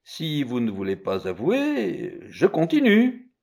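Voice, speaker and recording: A defiant young seer, as a man reads him in a raised voice, pressing his case loudly in a storybook telling. His pitch leaps about as he accuses and warns. He never backs down. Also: huge pitch swings, takes it slowly, creaky, exaggerated voice. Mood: insistent. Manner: loud pressing declamation. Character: clever boy seer, bold, accusing, solemn.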